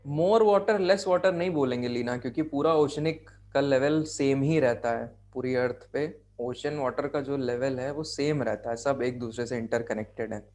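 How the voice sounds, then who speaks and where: A man's voice: mid-range voice, normal speed, hardly any pauses, darkish tone. Man, Indian accent, geography tutor, video call lecture, repeats key phrases, checks understanding. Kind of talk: online class lecture.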